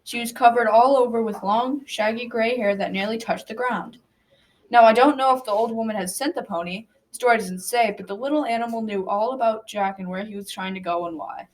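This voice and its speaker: In a noisy amateur recording made at school, a girl around 12 or 13 reads a script narrating a folktale radio drama, occasionally stumbling. She speaks briskly in a fairly high, natural voice.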